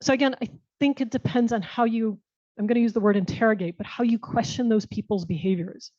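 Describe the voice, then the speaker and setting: Speaking fast in a fairly high, slightly mellow voice with no echo, a woman from the United States answers questions as a panel guest. She is earnest and reflective, frequently starting her phrases over, and the audio is muffled and dull.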